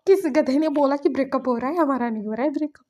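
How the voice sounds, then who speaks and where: A woman's voice: high voice, quick pace, a little mellow, natural voice. A woman doing an exasperated young lover. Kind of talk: storybook reading.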